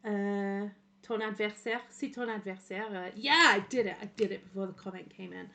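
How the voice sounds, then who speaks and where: A young woman streaming in casual chat, laughing often and slipping between French and English with halting restarts. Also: mid-range voice, pushed and bright.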